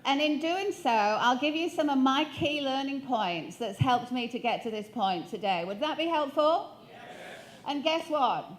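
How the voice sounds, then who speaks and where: On stage with a handheld microphone, this Sheffield woman in her fifties delivers a motivational keynote, throwing questions at the audience. She speaks at a normal speed, her voice sitting high and animated.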